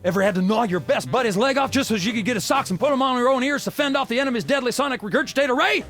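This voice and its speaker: A man's voice: very high-pitched, rapid-fire, a bit bright, soft background music. An actor playing a folksy, dim, rambling male president in a comic cartoon game, breezily oblivious. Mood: indignant rambling.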